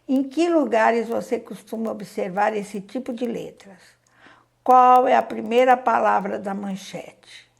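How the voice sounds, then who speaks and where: A woman's voice: fairly high pitch, a little slow, vocal fry. A Brazilian woman teacher reads out a worksheet to young pupils and explains it, patiently counting aloud and asking them questions. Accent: Brazilian Portuguese. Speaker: primary school teacher. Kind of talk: reading out and explaining a school worksheet.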